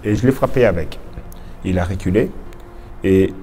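A man's voice: sits low, normal speed, mellow, slight background noise. A young man from Congo telling his personal testimony in an informal way, often restarting his sentences.

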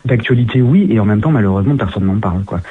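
A man from France, a guest in an interview, answering quickly and earnestly with many restarts, heard down a phone line. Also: fairly low pitch, slightly rough. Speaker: guest, social media activist.

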